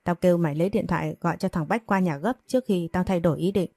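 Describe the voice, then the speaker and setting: A woman's voice: lowish voice, fast talker, dark tone, no room sound, studio quality. A woman reading the lines of an angry middle-aged father in a storybook narration, harsh and reproachful. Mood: angry scolding.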